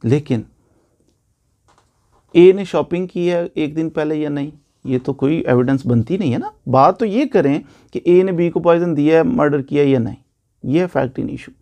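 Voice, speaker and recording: In an informal law lecture, a man with a Pakistani accent repeats his points and answers his own questions. His voice sits on the high side and sounds mellow.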